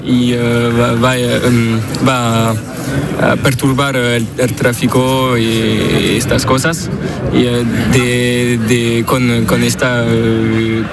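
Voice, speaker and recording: Halting man, slow, flat, street noise. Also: mid-range voice, vocal fry. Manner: halting, searching for words, many fillers. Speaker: passer-by interviewee. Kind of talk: street interview answers. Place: outdoors on a city street.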